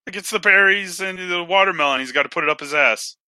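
A man telling a long joke in a casual podcast chat, with pauses and filler words. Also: high voice, pushed and bright, clean tone, dry recording, poor audio. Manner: slow, deliberate storyteller with pauses. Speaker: podcast co-host.

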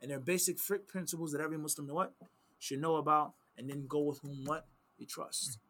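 An Islamic teacher fields questions in a seated conversation, explaining religious principles in a slightly high voice with a tense, forceful push. His tone stays steady and his pace fairly quick as he repeats key phrases for emphasis and works in Arabic quotations.

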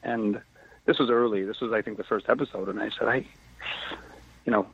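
A man's voice: fairly low pitch, quick pace, gravelly, husky, no echo. A man, an actor who is a guest on the show, chatting animatedly in a casual interview, often laughing and acting out quoted exchanges. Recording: tinny phone-line remote audio, dry.

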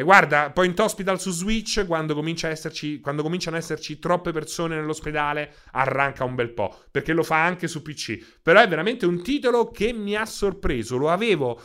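A man, streaming games live and chatting with his viewers in an excitable, profane, ranting way, holding a handheld microphone. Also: a little high. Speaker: video game streamer. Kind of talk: casual live-stream chat.

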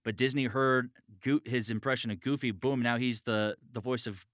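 Here a host and voice actor talks casually about voice acting in a sweary, upbeat, encouraging way. He has a medium-pitched, slightly bright voice with fairly even intonation and a moderate pace, captured in clean studio sound without echo.

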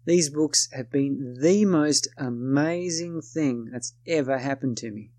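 A man's voice: medium pitch, slow pace, warm tone, no room sound. A man with an Australian accent narrating his own story in first person, wry and self-deprecating.

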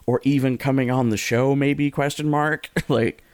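A podcast co-host with a medium-pitched, steady voice gives casual advice at a moderate pace, rambling, joking and often interrupting himself. There's no echo.

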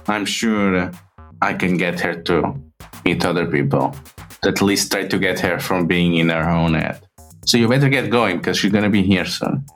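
A man voicing a blunt, low-voiced ally. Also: close to an everyday voice. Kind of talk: tabletop role-play.

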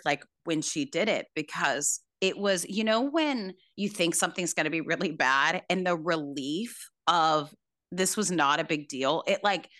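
Casual podcast co-host, female, low and bright voice, rambling friendly storytelling. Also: no echo, clean studio sound. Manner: chatty storytelling, lots of "like". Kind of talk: casual chat.

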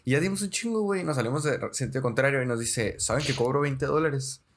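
Young man, podcast co-host, slangy, animated storytelling. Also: medium pitch, quick pace. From Mexico. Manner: slangy, says "güey" constantly, animated storyteller. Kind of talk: casual storytelling chat.

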